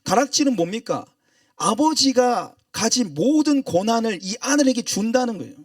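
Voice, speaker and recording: A male pastor with a Gyeongsang Korean accent delivers a sermon, telling a story with feeling and acting out its voices. His voice sits fairly high. The recording is dry and he stands a bit away from the mic. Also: lively intonation, moderate pace, no room sound, far from the mic. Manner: emotional storytelling with acted-out quotes.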